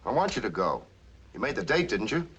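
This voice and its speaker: An actor playing a troubled, curt police lieutenant in a 1940s film noir style. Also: male voice, on the low side, big pitch swings, a little fast, a bit bright, husky, heavily acted. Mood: irritated. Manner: curt, tough, evasive. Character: brusque, troubled police lieutenant, a married man. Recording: dull old film soundtrack.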